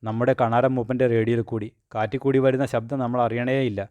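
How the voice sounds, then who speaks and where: A man's voice: medium pitch, little pitch movement, quick pace, a little mellow, no echo, natural voice. Man voicing a superstitious, scolding old grandmother in a storybook reading, close and dry.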